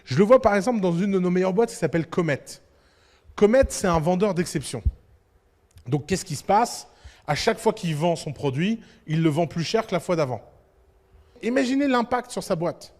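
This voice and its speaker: A man with a high voice speaks to an audience with emphatic energy. He fires off rhetorical questions and acts out little dialogues. A long hall reverb hangs after each phrase. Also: animated, normal speed, darkish tone. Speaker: entrepreneur giving a talk. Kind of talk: lively speech to an audience.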